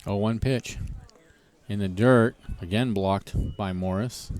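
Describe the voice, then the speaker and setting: Man, baseball play-by-play announcer, lowish voice, relaxed pace, wry asides. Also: slow pace. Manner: relaxed, jokey asides between pitches. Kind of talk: live baseball play-by-play commentary.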